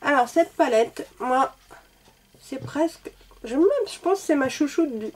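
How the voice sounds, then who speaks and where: A woman's voice: sits high, measured pace, darkish tone. A woman reviewing makeup in a chatty, self-deprecating way, a little sick and coughing now and then. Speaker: beauty vlogger.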